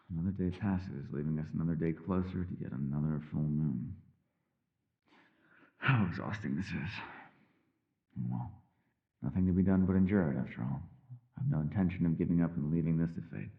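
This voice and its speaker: Sitting low on phone-quality sound, the voice of the mysterious elf turns weary and brooding in this fantasy ASMR roleplay. The man keeps to measured, old-fashioned, formal speech, his character alternating between teasing and world-weariness.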